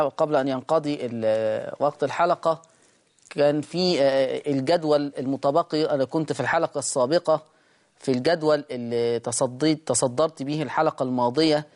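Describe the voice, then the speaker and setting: A man's voice: fairly high pitch, a little mellow. A man with an Egyptian accent hosting a Quran lesson, patiently explaining the readings and repeating words to demonstrate them. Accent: Egyptian Arabic. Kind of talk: explanatory teaching.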